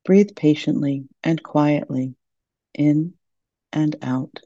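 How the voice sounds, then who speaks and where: A woman leading a guided meditation in a soft, soothing, gentle manner, on a dull lo-fi recording. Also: sits low, takes it slowly, no echo.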